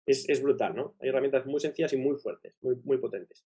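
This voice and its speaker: A man's voice: medium pitch, fairly quick, mellow. A man with a broken, operated nose and a nasal dilator, explaining things enthusiastically as an interview guest, often checking in with tag questions. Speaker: guest breathing coach.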